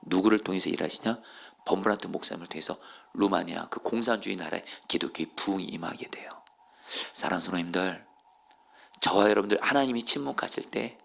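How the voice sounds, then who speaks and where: A man preaching a sermon as pastor at a Friday evening church service. He tells a story and speaks straight to the congregation, dropping to hushed near-whispers and then rising to loud, impassioned appeals. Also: sits low, fast, gravelly. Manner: storytelling, addresses the congregation directly.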